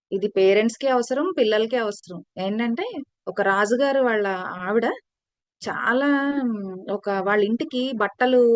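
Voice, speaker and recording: A woman teaches children over a video call, her voice sitting a little high. She tells a story with animation and stops to ask the class questions. The sound is dry, with no room around it. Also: no room sound.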